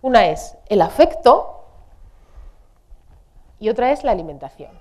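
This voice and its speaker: A middle-aged woman pediatrician talks parents through a workshop. Her voice is mellow and warm, and her pitch swings widely as she acts out their worries. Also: sing-song, a little slow.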